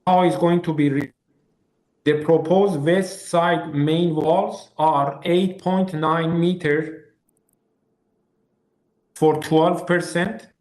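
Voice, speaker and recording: A man speaking as an applicant at a hearing over a remote call whose audio keeps breaking up, in halting, broken-off phrases. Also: on the high side, steady tone, a little mellow, roomy sound, poor audio. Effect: call audio breaking up and cutting out. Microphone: remote call from a phone or headset.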